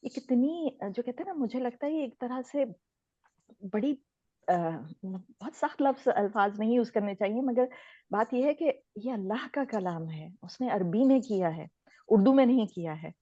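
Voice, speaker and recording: Her voice sits fairly high but has a dark tone, recorded dry. She's a Pakistani Quran recitation teacher running a casual online lesson, chatting through explanations with English mixed in, and the audio is dull and lo-fi.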